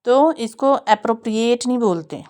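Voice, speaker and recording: A woman teaching English pronunciation, who says each word slowly many times over and explains the stress patiently. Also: on the high side, lively intonation, darkish tone. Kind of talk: pronunciation lesson with slow repeated drills.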